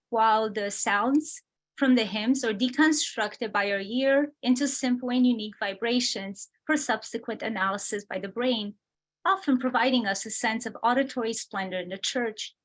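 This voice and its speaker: A woman from Romania giving a measured, explanatory prepared lecture over a video call. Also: fairly high pitch. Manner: measured, explanatory, reads from slides. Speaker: guest speaker.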